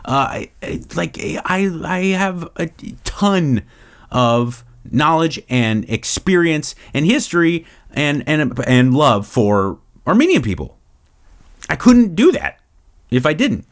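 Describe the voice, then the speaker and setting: A man's voice: on the high side, big pitch swings, takes it slowly. A middle-aged man from Los Angeles, hosting a casual Q&A show, rambling and swearing freely. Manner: rambling, profane, lots of restarts. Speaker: podcast host. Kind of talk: casual Q&A monologue.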